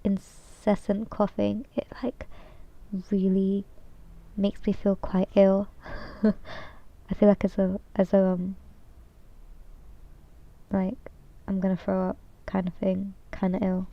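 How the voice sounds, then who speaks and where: A young woman VTuber streams a rambling, casual chat in a slow, monotone mid-range voice, nasal from a cold. She's hesitant, with long pauses, many fillers and restarts, and the sound is lo-fi.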